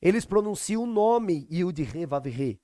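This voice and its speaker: A man's voice: high-pitched, very animated, a little slow, warm tone, no room sound, clean studio sound. A man with a Brazilian Portuguese accent teaching scripture on a podcast, emphatic and preaching, with many rhetorical questions. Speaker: religious teacher.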